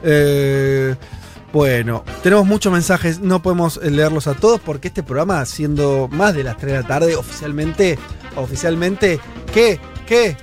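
A man's voice: a little high, animated, a little slow, darkish tone, faint music behind. A man with a Rioplatense Spanish accent hosting a radio show in casual, joking chat, reading listener messages aloud.

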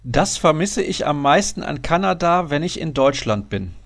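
A man hosts a casual radio interview, chatting and putting questions to his guest. His voice sits a little high for a man and is recorded dry and close to free of room sound. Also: big pitch swings, moderate pace, no room sound. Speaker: radio show host.

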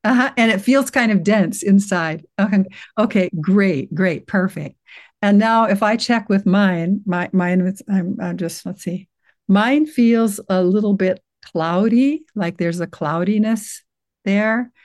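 An older woman gently guiding a listener through an inner awareness exercise, reassuring and unhurried, with frequent restarts. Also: mid-range voice. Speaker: guest teacher guiding a practice. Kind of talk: guided meditation walkthrough in conversation.

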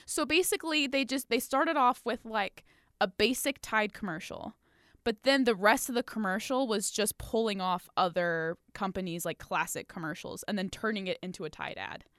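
Woman cohost chatting away, smooth clear voice, dry close sound. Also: medium pitch, moderate pace, no room sound. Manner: chatty, animated, laughs often. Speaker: podcast co-host. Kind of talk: casual chat.

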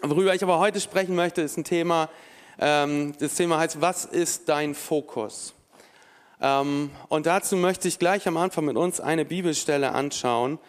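Chatty preacher in a reverberant hall. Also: male voice, fairly high pitch, moderate pace. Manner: conversational, with frequent fillers and restarts. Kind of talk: sermon with scripture reading. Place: church stage.

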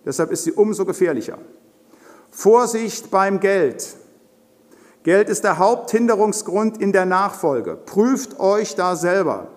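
Forceful high-voiced older preacher in a hall. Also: male voice, animated, unhurried. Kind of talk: sermon. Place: church hall.

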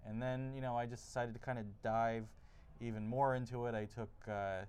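A man's voice: medium pitch, level tone, normal speed, darkish tone, clear, resonant tone. A man being interviewed as an author, answering casually at a live bookstore event. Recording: noisy live room recording at bookstore.

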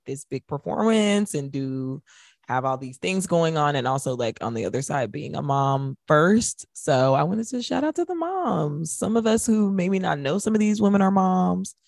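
A woman guesting on a talk show chats casually and conversationally, sprinkling "like" through nearly every sentence. Her voice is low and a little mellow. The studio sound is clean with no echo.

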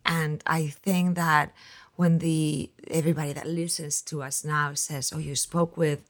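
A woman's voice: low-pitched, little pitch movement, a little slow. A woman from Spain hosting a podcast interview, talking at length and rambling with restarts. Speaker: podcast host.

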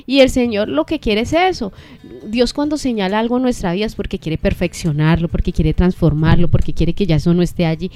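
Earnest woman teaching faith, soft music behind. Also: mid-range voice. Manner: measured, earnest, many rhetorical questions and restarts. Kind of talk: reflective faith teaching in conversation.

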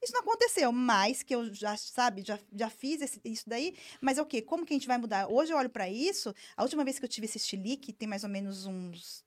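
Fast-talking, candid businesswoman. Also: fairly high pitch. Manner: candid, emphatic, animated storytelling. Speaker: business owner. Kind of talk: casual interview talk.

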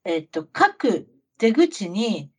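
Speaking extremely slowly, this woman has a mid-range voice with a breathy edge. She's a middle-aged Kansai-accented podcast co-host who shares travel anecdotes in casual, animated auntie fashion, regularly throwing questions back to the listener.

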